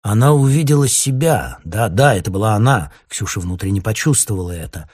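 A man narrating an audiobook in a lively, dramatic storytelling manner. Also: lowish voice, brisk, husky. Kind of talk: audiobook reading.

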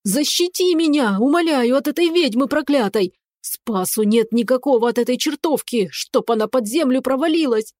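A woman voicing a hysterical, whiny male talking cat who squeals and pleads in drawn-out wails. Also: sits high, expressive, a little mellow, no echo, studio quality. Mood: squealing pleading.

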